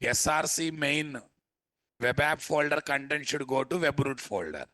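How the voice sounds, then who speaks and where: Indian guy w telugu accent doing a software tutorial, sharp bright voice, keeps asking the class questions, very dry audio. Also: a little high, a little slow, no room sound. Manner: asks rhetorical questions, addresses learners informally. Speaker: software instructor. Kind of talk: live step-by-step software tutorial.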